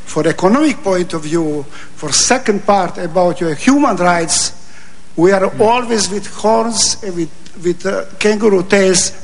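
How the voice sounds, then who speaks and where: A man's voice: sits high, a little slow, big-room sound, a little hiss or hum. An older man from Serbia with a Serbian accent, speaking emphatic broken English as he asks a question at a lecture. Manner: broken English, long emphatic statements, repeats words. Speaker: audience member asking a question. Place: university lecture hall.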